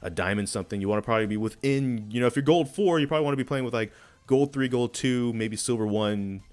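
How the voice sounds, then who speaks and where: A young man who runs a gaming channel, reading a post aloud and commenting on it in a chatty, animated way, often stumbling and correcting himself. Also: medium pitch, quick pace. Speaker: gaming video creator.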